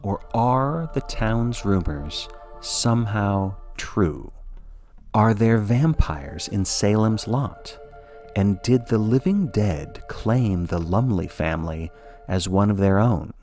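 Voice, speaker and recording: Man, very low voice, scripted spooky narration, measured and wry, faint music behind. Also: lively intonation, darkish tone. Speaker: podcast narrator.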